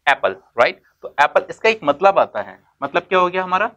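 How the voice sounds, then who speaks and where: The recording is muffled, but this man's voice comes through very animated, high, pushed and bright as he teaches basic English terms classroom-style. He slips between Hindi and English, asks and then answers his own questions, and slowly stretches words for emphasis.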